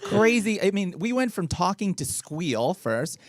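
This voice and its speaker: Animated, laughing male podcast host. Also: high voice, measured pace. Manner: animated storyteller, laughs often. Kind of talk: casual podcast chat.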